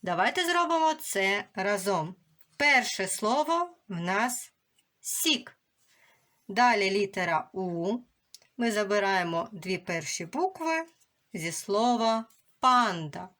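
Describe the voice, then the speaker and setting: A young woman teaching a remote lesson to young schoolchildren, slowly and clearly sounding out words and letters. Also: medium pitch, animated, fairly bright tone.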